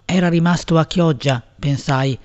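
A woman narrating a literary novel as an audiobook in a measured, expressive reading. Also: low-pitched, lo-fi sound.

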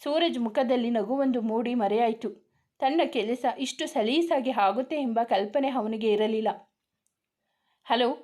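A woman narrating a serialized romance in scripted storytelling. Her voice sits on the high side and her delivery stays even and steady. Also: normal speed.

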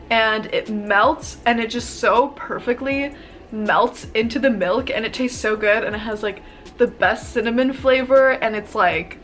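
A woman's voice: a little high, a bit bright. Chatty young woman gushing in a bedroom. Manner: bubbly, chatty, gushing, frequent "like" and "um". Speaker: vlogger. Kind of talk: casual haul video.

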